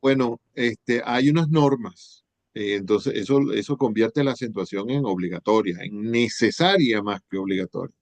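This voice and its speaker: A man's voice: fairly low pitch, normal speed, dry recording. A middle-aged man giving a university lecture on spelling, explaining step by step and checking in with rhetorical questions. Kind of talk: class lecture on spelling rules.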